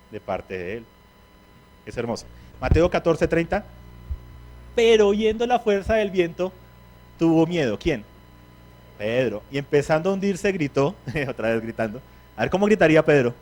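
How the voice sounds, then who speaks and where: A man's voice: medium pitch, a little mellow. A man preaching a sermon, who asks the congregation questions and acts out the words of biblical figures.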